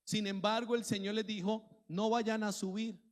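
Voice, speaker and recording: A man preaching as a pastor, in a lively way that acts out the worries of church members. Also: high-pitched, normal speed. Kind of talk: sermon. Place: church hall. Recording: long hall reverb.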